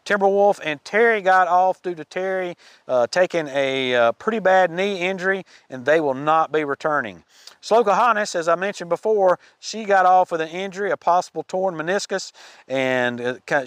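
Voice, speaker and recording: A man's voice: a little high, fairly bright tone, clean tone, no room sound. Folksy man giving casual trail news. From United States. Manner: folksy, chatty, with fillers and restarts. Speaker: podcast host. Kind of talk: casual hiker news update.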